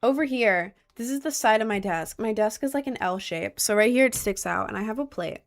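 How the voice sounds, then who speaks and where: A woman's voice: fairly high pitch, brisk. A young woman from the United States chatting casually on a livestream at her home desk, rambling with lots of ums and likes. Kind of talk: casual stream chat.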